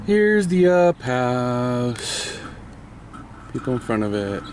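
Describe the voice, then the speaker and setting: A man's voice: mid-range voice, sing-song, slow pace, a little mellow. A man in his forties, a father chatting and joking to the camera on a family road trip, filmed at arm's length inside a car. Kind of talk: casual road-trip vlog. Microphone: camera held at arm's length. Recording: road noise behind.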